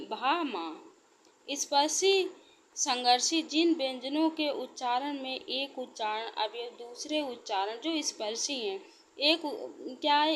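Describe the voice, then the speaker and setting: Slow, high-voiced woman teaching grammar. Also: fairly bright tone, slight background noise. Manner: slow, repeats points with rhetorical questions. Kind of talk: exam-prep grammar lesson.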